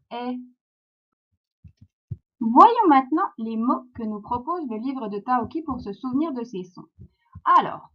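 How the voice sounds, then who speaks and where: Woman, French accent, primary teacher, very slow encouraging delivery, muffled lo-fi recording. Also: a little high. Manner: slow, clear, encouraging, syllable by syllable. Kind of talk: phonics lesson for young children. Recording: dull lo-fi sound.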